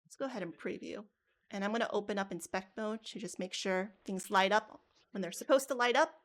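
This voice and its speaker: A teacher trainer runs a live coding workshop for teachers, talking casually through each step aloud and often restarting. Her voice is medium in pitch and fairly quick.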